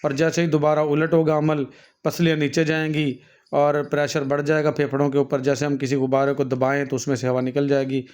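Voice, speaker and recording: A man's voice: a little high, monotone, a little fast, a little mellow, clear, resonant tone. A man giving a patient classroom lecture on anatomy, talking students through diagrams, often calling them "beta", with frequent fillers and self-corrections. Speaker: nursing and health teacher.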